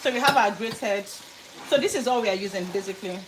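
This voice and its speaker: A woman's voice: medium pitch, fast talker, a little hiss or hum. Chatty woman in an echoey kitchen. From Nigeria. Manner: chatty, greets live viewers by name. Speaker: cooking livestream host. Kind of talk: casual live cooking stream. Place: home kitchen. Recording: roomy kitchen echo.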